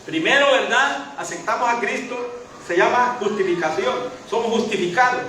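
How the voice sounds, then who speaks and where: A pastor with a very high, sharp voice preaches a sermon at a moderate pace, emphatic and full of rhetorical questions. He's recorded from afar on a distant mic in an echoey church hall, with faint hiss.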